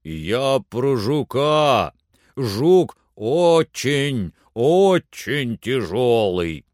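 A man voicing a cautious, grumbling old servant in an audiobook, slow and plaintive. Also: mid-range voice, sing-song, darkish tone, dry recording, clean studio sound. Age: older. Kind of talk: audiobook character voice.

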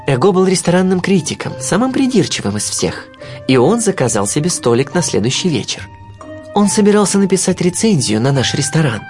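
A man's voice: a little high, darkish tone. A man reading a children's storybook aloud as narrator, telling it in the first person with expression.

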